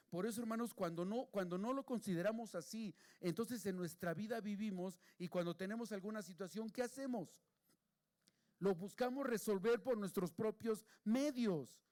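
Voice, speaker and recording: A man preaching a sermon, moving between hushed, pleading passages and raised, emphatic ones. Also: sits high.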